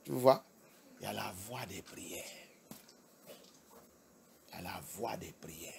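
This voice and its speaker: Slow gravelly husky preaching man. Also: sits low, background noise. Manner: emphatic preaching, repeating key phrases, loudness swinging from soft to loud. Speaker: pastor. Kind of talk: sermon.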